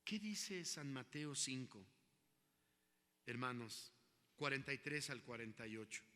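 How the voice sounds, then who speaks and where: A man's voice: medium pitch, animated, measured pace, pushed and bright, in a large hall. A man preaching a sermon as pastor, asking his listeners questions and building in intensity.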